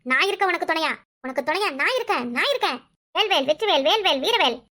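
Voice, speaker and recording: Brief: woman voicing a quick-tempered village woman for a cartoon, Kanyakumari Tamil accent, very high and bright. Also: lively intonation, exaggerated voice. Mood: possessed, commanding. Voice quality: shrill, scolding.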